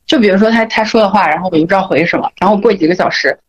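A woman co-hosts a casual podcast chat, telling animated stories at a quick clip. She quotes the people she describes as she goes. The recording sounds dull and lo-fi. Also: medium pitch, husky. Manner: animated storytelling, quoting others. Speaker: podcast co-host. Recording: dull lo-fi audio.

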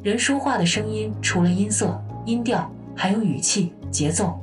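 A woman voicing a calm female AI voice assistant who talks in an even, matter-of-fact way. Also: mid-range voice, normal speed, distant mic, over music, close to an everyday voice.

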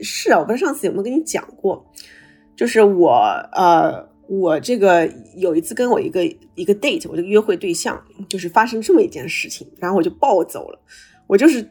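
A woman podcast host telling a personal story over a video call, excited and slightly stammering, with many restarts. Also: mid-range voice, slightly rough. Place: travelling abroad, on a video call.

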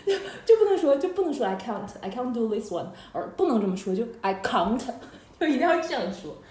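A woman's voice: a little high, sing-song, brisk, few pauses, warm tone. A woman hosting a casual podcast chat, explaining things and laughing often as she talks. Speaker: podcast host. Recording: roomy echo with faint noise.

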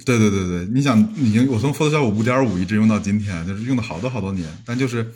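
A man's voice: fairly low pitch, fast talker, darkish tone, husky. A man chatting as a podcast guest, musing aloud and often restarting his words. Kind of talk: casual podcast chat.

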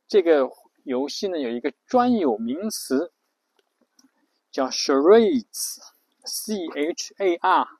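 Man, show host, casual explainer, slightly high voice, many fillers, dry close sound. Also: vocal fry, a little mellow, no room sound, rough recording. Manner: chatty, thinking aloud with many fillers. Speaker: podcast host.

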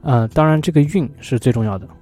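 A man talking on his own about poetry in a relaxed, thoughtful way, often pausing on fillers as he thinks aloud. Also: medium pitch, soft background music. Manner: thoughtful, hesitant, many fillers. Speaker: vlogger. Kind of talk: casual solo talk about poetry.

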